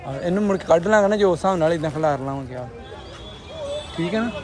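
A man's voice: a little high, expressive, quick pace. A man vlogging casually at home, chatty, giving directions to family as he films. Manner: chatty, instructing family members. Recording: noisy home background.

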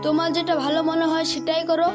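A woman's voice: very high-pitched, little pitch movement, quick pace, over loud music. A woman voicing a lovesick, generous young man who dotes on his girlfriend, in a dubbed comedy skit. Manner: gentle, doting.

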